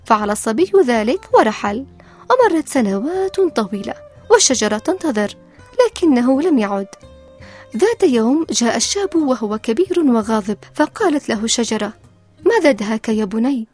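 Woman narrator, storytelling, husky, lively rising and falling pitch, reflective, soft background music. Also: normal speed. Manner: expressive, reflective teaching tone. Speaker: storyteller and presenter. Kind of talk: scripted narration.

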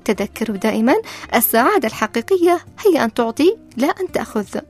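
A woman's voice: a little high, sing-song, quick pace. A woman presenter narrating a moral story and explaining its lessons in a scripted, reflective teaching tone. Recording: soft background music.

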